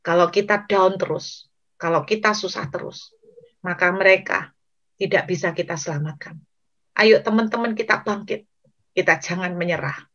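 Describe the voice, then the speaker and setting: A woman's voice: lowish voice, moderate pace, pauses often, fairly bright tone. A woman preacher acting out a desperate man pleading and crying out to God, on a dull recording. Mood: rallying.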